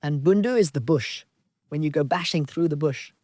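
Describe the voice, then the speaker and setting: A woman from Zambia giving a slow, halting, reflective dharma talk as a meditation teacher on a retreat. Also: low voice, warm tone, no room sound, clean studio sound. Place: outdoor retreat in wilderness.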